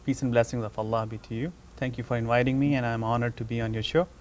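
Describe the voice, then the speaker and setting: A man from Pakistan, a neurologist, answering interview questions in a measured, explanatory way. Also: medium pitch, steady tone, a little hiss or hum. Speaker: neurologist guest.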